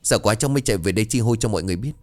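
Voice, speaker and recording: A man voicing a frightened young village man who talks in a frantic, rushed way. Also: fairly low pitch, lively intonation, soft background music.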